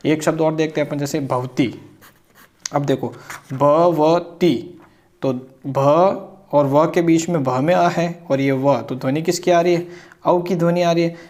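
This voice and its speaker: A man's voice: fairly high pitch, steady tone, a little mellow. A grammar teacher who explains step by step, stretches out sounds as he writes them, and keeps asking "ठीक है ना". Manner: repetitive, checks in with "ठीक है ना"; drawn-out spelling of sounds. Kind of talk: blackboard grammar lesson.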